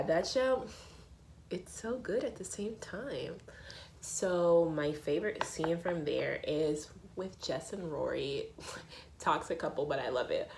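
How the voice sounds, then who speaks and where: Casting: young woman vlogger, lowish voice, animated storyteller, faint room hum behind. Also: poor audio. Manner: animated, acts out quotes in a higher voice. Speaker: beauty vlogger. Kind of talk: casual chatty storytelling.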